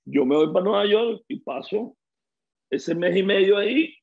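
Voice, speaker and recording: Gravelly Venezuelan man telling stories. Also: high voice, normal speed, phone-quality sound, a little hiss or hum. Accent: Venezuelan Spanish. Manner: lively storyteller who acts out quoted dialogue. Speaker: guest, former baseball player. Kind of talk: casual interview storytelling.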